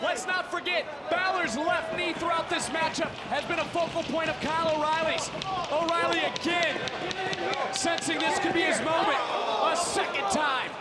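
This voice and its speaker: A man working as a lead wrestling commentator, calling the action live in dramatic, shouted, short phrases. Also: very high-pitched, steady tone, moderate pace, a loud crowd. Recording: loud arena noise.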